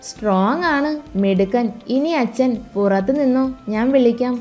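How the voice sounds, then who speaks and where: A woman's voice: fairly high pitch, normal speed, darkish tone, soft background music, natural voice. A woman doing a teasing young daughter. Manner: teasing, sweet. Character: playful affectionate young adult daughter.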